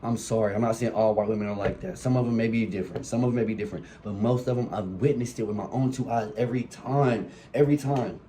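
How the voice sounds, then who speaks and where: Sick and sniffling, a young male podcast host delivers a solo monologue, preaching with passion and plenty of profanity into a phone mic in a room lit by colored lights. His voice is fairly low and warm, with a steady tone and a fast pace with few pauses. A faint hiss or hum runs underneath.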